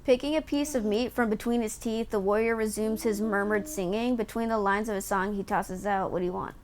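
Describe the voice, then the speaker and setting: A woman's voice: mid-range voice, fairly even intonation, fairly quick, darkish tone. A woman game streamer reading on-screen story text aloud and chatting in an amused way as she explains it. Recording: faint background noise.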